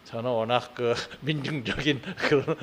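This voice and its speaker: A Korean pastor preaching at an early morning service, talking conversationally with frequent tag questions and rising into fervent emphasis, then leading prayer. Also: male voice, mid-range voice, fairly even intonation, a little slow, a little hiss or hum.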